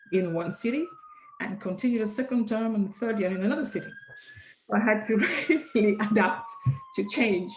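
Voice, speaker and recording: A woman from Cameroon, giving measured, reflective answers as an interview guest, often pausing with hesitations. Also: medium pitch, a little hiss or hum, poor audio. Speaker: compliance consultant, interview guest.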